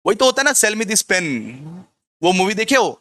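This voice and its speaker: A man's voice: sits high, sing-song, normal speed, sharp tone, dry recording. A man teaching a commerce revision lecture. He repeats points and keeps asking the class questions that he then answers himself. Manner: repetitive, asks the class rhetorical questions and answers them himself. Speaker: commerce tutor.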